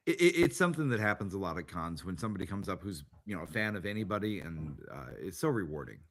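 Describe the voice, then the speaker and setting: A man's voice: low-pitched, very animated, fast talker, a little hiss or hum. A man hosting a tabletop game show, chatting casually and rambling with many fillers and restarts. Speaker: podcast host. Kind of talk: casual chat.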